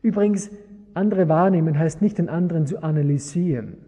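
A man's voice: on the high side, fairly quick, dark tone, breathy edge. A man preaching a sermon, engaging his listeners with rhetorical questions. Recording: long hall reverb.

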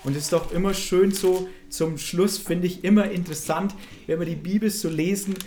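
A man preaching a sermon, swinging between loud fervent calls and quiet intimate asides, acting out voices as he preaches. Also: high voice, steady tone, normal speed, slight background noise. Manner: acts out quoted voices in his preaching.

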